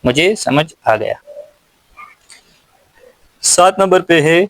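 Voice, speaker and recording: A man with a Pakistani accent teaching English slowly and deliberately, pausing word by word and repeating his questions. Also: on the high side, animated, dry recording, poor audio. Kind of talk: slow spoken English lesson.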